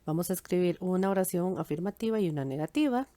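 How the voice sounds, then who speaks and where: A woman English teacher explaining grammar patiently, step by step, saying her English examples slowly and clearly. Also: fairly low pitch, lively intonation, dark tone, no echo. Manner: switches between Spanish and English, speaking English slowly. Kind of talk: recorded grammar lesson.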